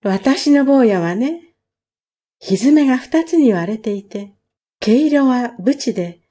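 Proud mama cow a lady voices, polite, high, slow, storybook. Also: expressive, mellow. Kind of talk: storybook reading.

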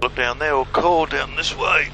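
A man with a slightly high, gravelly voice gives hands-on flight instruction at normal speed, explaining things in short, direct phrases. The audio comes from an aviation headset intercom in a small aircraft cockpit, with faint engine noise.

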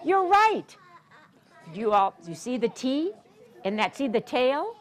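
A high-pitched American woman in her 60s reads a picture book to young children in a carpeted library program room, unhurried and with big swings in pitch. She sounds like a teacher, sing-song, regularly engaging the kids with questions.

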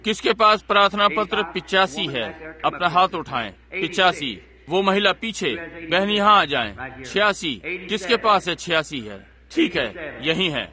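This Hindi sermon and prayer comes from a man whose high voice swings widely in pitch and moves a little slowly, with a crowd audible behind him. Earnest and repetitive, he frequently breaks off to address the congregation directly.

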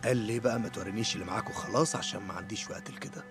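A man's voice: lowish voice, racing, music in the background, close to an everyday voice. An actor with an Egyptian Arabic accent voicing a tough, weary male biker drifter in a video game, curt and commanding.

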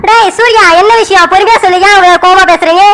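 A woman voicing a patient middle-aged mother who calms her son in a village family cartoon. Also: very high voice, quick pace. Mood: soothing. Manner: patient, reassuring, repeats "sit, wait". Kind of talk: animated cartoon serial voice.

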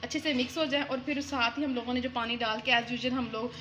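A woman's voice: a little high, steady tone, quick pace, sharp tone, a little hiss or hum. A woman from Punjab, hosting a cooking show and chatting eagerly to viewers while prompting her mother. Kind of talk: casual cooking-show presenting.

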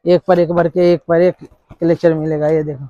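A man in his thirties working as a wholesale shopkeeper, showing goods and listing prices in a brisk, repetitive sales patter inside a crowded shop. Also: on the high side, flat delivery, no echo, dull audio. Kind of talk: sales pitch to a vlogger. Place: crowded cosmetics shop, indoors.

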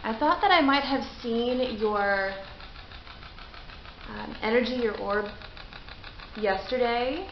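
A middle-aged woman chats casually as a vlog host in a fairly high voice. She is indoors in a garage, and the sound is roomy and slightly dull, with faint noise behind her. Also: slow, pauses often. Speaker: video host.

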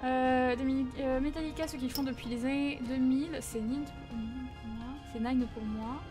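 A chatty young woman with a high, light voice talks casually to her stream audience, answering viewer messages in an animated way, with frequent fillers. Faint music plays behind her. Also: moderate pace.

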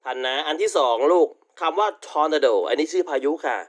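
A man's voice: a little high, lively intonation, moderate pace. Affectionate man teaching a vocabulary lesson. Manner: affectionate, calls students "child", repeats polite tag particles. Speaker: university English teacher. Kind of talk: recorded online vocabulary lecture.

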